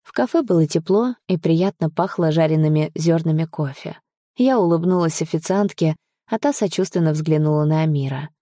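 A woman's voice: low-pitched, moderate pace, mellow, dry recording, clean studio sound. A woman narrating a first-person romance audiobook, voicing the heroine with emotion.

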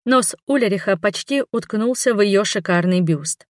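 A woman's voice: medium pitch, normal speed, dry recording, clean studio sound. A woman narrating a first-person audiobook in a wry storytelling manner.

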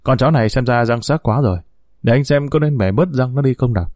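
A man's voice: mid-range voice, quick pace, darkish tone, no echo, clean studio sound, natural voice. A man reading a storybook as a sarcastic young company boss, speaking in a stern, cutting way. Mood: cold.

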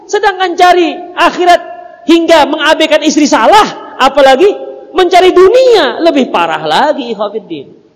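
A male preacher delivers an animated, humorous sermon, slipping into little acted exchanges. His voice sits very high. The recording carries the long reverb of a big hall. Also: normal speed. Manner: animated, joking, acts out little dialogues. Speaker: Islamic preacher.

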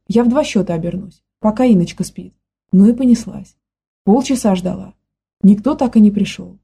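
A woman's voice: medium pitch, dark tone, a little hiss or hum, natural voice. Woman reading as a scared, folksy young nanny. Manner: plain folksy talk, quick to panic.

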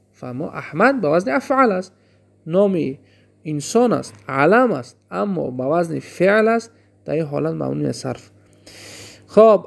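Male teacher with a gravelly, fairly high voice, who drills example words slowly and answers his own questions. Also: darkish tone. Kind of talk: grammar lesson.

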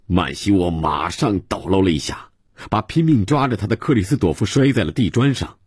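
A man narrating a novel for radio with measured, dramatic storytelling. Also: low-pitched, lively intonation, a little mellow, husky, no room sound, studio quality.

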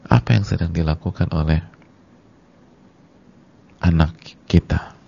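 Male preacher, very low gravelly voice, dull lo-fi lecture recording; acts out weeping dialogue. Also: unhurried, dark tone. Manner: addresses the women in the audience directly. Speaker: Islamic preacher. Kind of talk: sermon-style religious lecture.

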